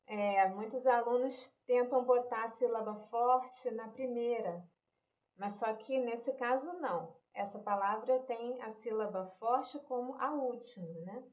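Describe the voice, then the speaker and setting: Brief: woman, Brazilian accent, patient English teacher, slightly high voice, roomy and slightly muffled recording. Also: unhurried. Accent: Brazilian Portuguese. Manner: explains patiently, mixes English and Portuguese, frequent "né?" and "ok?". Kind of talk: online language lesson.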